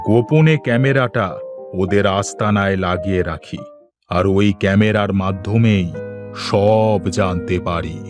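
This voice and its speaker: An actor voicing a wise, kindly male village head in a cartoon, speaking in a steady, reassuring, fatherly way. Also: fairly low pitch. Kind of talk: cartoon voice acting.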